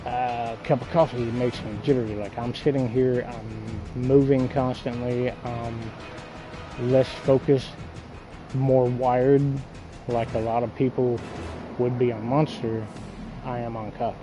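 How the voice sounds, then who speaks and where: An unhurried, medium-pitched man with little pitch movement comes through lo-fi sound over music. He's a gaming video creator rambling casually around a lip full of dip, coarse and blunt with frequent swearing.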